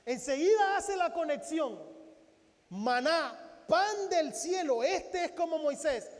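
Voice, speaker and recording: A man with a strikingly high voice preaches a Sunday sermon, his words ringing out in a church hall with a long reverb tail. He keeps the congregation engaged with rhetorical questions and acts out biblical dialogue as he goes. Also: lively intonation, slow. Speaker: pastor. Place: church sanctuary.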